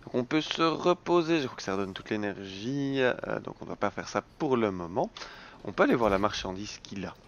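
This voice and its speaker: A man's voice: fairly low pitch, animated, brisk, lo-fi sound, slight background noise. Man reading game text with dry quips. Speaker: let's play host. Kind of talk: casual gameplay commentary.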